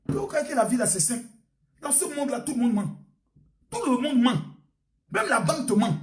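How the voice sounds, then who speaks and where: High, animated preacher. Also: male voice, moderate pace. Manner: theatrical, shouting refrains, animated. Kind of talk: comic sermon. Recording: roomy, distant mic.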